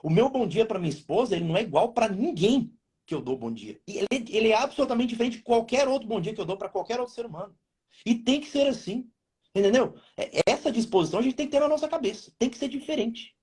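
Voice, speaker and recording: Fast-talking husky Brazilian man. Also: very high voice, expressive, a little mellow. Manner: blunt, slangy, exhorting. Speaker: live stream host. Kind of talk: casual advice talk on marriage. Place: his home.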